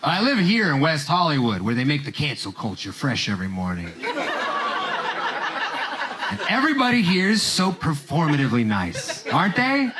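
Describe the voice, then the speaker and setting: A man from Romania performing a stand-up set on a theater stage, with deadpan jokes and quick voiced asides. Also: a little high, background noise. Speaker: stand-up comedian. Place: comedy theater stage with live audience. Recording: live stage recording with crowd laughter.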